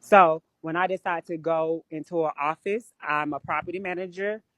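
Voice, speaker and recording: A woman with a lowish, fairly bright voice speaks at a moderate pace with fairly even intonation, recorded without echo on a phone or webcam. On a live stream she chats casually, telling stories bluntly with plenty of swearing.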